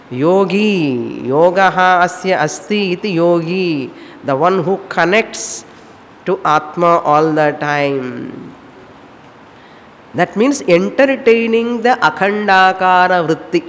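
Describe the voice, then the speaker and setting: South Indian woman teaching in an echoing hall. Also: on the low side. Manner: didactic, repeats phrases, poses questions and answers them. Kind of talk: religious discourse on scripture. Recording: echoey hall with faint background noise.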